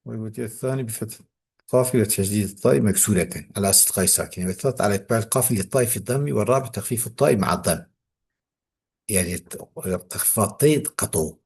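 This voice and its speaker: A man's voice: on the low side, very fast, vocal fry, a little mellow, slightly rough. A man with a Kurdish accent teaching a classical grammar text, reading it aloud and then explaining it.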